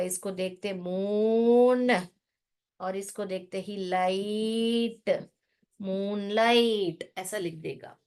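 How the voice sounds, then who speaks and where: Slow, patient woman teaching phonics. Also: mid-range voice. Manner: patient, explains slowly and repeats words for drilling; mixes English words into instruction. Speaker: English teacher. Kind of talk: classroom phonics lesson.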